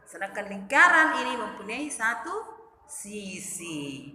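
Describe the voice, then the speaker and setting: A woman teacher talks to young pupils in a bright, sing-song voice, stretching some words and rising and falling a lot in pitch. She records her lesson in a room that rings with a long, echoey reverb. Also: a little hiss or hum. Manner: sing-song teacherly address to children, lively and drawn-out. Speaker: primary school teacher. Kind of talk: recorded online class lesson.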